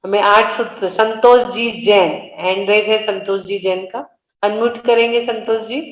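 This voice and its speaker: A woman's voice: medium pitch, fairly even intonation, normal speed, roomy sound, low-quality recording. A woman leading an online scripture study class, patiently correcting her students' pronunciation word by word. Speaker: religious study class teacher. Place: online video meeting.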